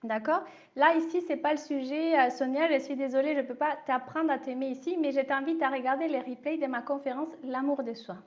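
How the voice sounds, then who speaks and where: A woman with a high voice and a slight accent gives a live coaching talk. She reassures her listeners and answers them by name, often asking if they follow. The sound is a little dull and lo-fi. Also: fairly even intonation, a little fast. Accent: non-native French accent. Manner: reassuring, repeats "d'accord?", addresses viewers by name. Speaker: life coach and shamanism speaker. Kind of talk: live online talk answering viewer questions.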